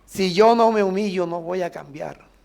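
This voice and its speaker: A middle-aged man from Colombia, a pastor preaching a sermon with emphatic, drawn-out phrases and prayers. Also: sits high, gravelly, darkish tone.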